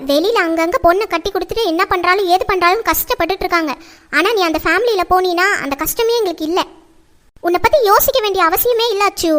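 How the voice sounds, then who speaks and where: A woman playing a nagging, very high-voiced mother. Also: a bit bright. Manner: scolding, lecturing. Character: nagging middle-aged mother, strict and fretful. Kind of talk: family drama acting.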